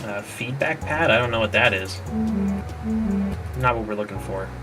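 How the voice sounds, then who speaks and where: A man's voice: on the low side, normal speed. A man developing a game, casually talking himself through playtesting and trailing off mid-thought. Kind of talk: casual think-aloud dev stream. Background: background music.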